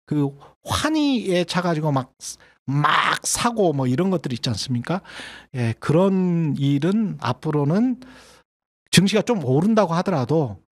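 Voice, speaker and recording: A middle-aged man delivers solo market commentary in a somewhat high-pitched voice. He talks in a loose, conversational way, padding with fillers and restarting phrases as he explains the numbers. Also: big pitch swings, a little slow. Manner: conversational with many fillers and self-corrections. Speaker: host of an economics commentary channel.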